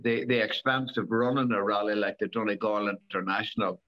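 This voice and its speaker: Halting older man in a lo-fi interview. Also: fairly low pitch, fairly even intonation. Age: 70s. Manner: halting, repeats words, many fillers. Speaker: rally driver guest. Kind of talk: casual interview. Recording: dull lo-fi recording.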